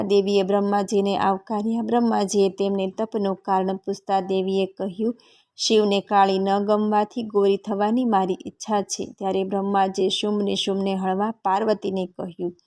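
A woman narrating a scripture story in a measured, scripted reading. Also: medium pitch, darkish tone.

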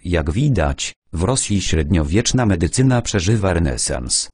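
A calm, dryly humorous older gentleman with a stuffy cold, voiced by a male audiobook narrator. His voice is deep and husky, close and dry with no room sound. He talks in an unhurried way. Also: dry recording, heavily acted. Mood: amused.

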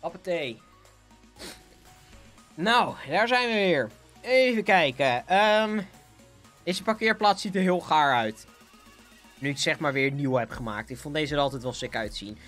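Lively young Dutch streamer, chatty. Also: male voice, on the high side, a little slow, long pauses. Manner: chatty, bouncy, giggly, thanks donors. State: sore throat. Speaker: gaming livestreamer. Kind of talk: casual live game commentary. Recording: faint music behind.

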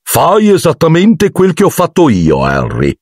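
Man doing a raised, husky, jovial wizard teacher, vain and showy, audiobook. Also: a little high, huge pitch swings, a little slow, dry recording, studio quality, pitched above the performer's own voice, full character voice.

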